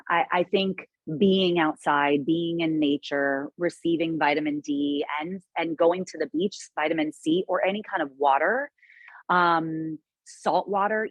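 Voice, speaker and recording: A woman's voice: deep voice, no room sound, muffled recording. A woman guest in a casual interview, speaking earnestly and reflectively with frequent restarts.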